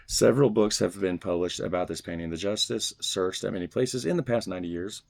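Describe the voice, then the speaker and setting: At home, a vlogger opens fan mail and reads a fan letter aloud, stiffly, then jokes loosely between the passages. His voice is low, a bit fast, and creaky.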